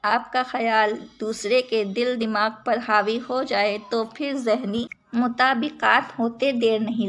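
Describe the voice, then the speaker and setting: A calm, principled young man, read by a woman storyteller who speaks earnestly and persuasively. He talks slowly, in a slightly high voice.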